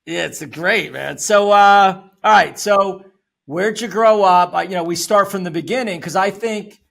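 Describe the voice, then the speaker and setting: A man's voice: high-pitched, normal speed, creaky, a bit bright. An older man hosting a podcast interview, upbeat, loose and conversational. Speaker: podcast host.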